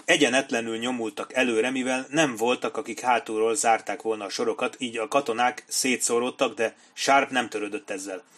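A man reading a war novel aloud as an audiobook narrator, in steady, measured storytelling. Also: medium pitch.

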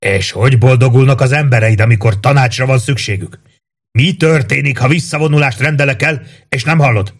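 A man voicing a gruff veteran commander who barks scornful orders at exhausted soldiers. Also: mid-range voice, pitched above the performer's own voice. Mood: commanding. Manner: barking, scornful.

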